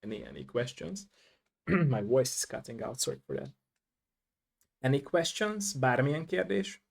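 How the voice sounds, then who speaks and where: Gravelly man on a bad, cutting-out connection. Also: medium pitch, sing-song, moderate pace. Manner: agreeable, repeats words of agreement and calls to the audience. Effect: bad online connection, voice cutting out and dropping in level. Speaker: stream host interviewing a game developer. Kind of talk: casual live-stream interview.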